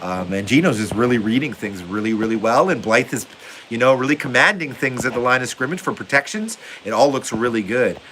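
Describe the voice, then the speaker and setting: Reading chat out loud, this young livestream host rambles cheerfully with lots of fillers, broadcasting from his basement over a phone. He's expressive and brisk, with a medium-pitched, fairly bright voice and slight background noise.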